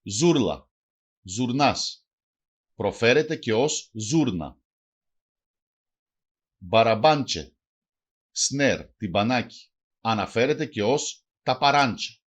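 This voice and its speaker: A man's voice: mid-range voice, animated, pauses often, husky. A man with a Greek accent reading a language lesson aloud, saying phrases one by one and then translating each. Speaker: language teacher.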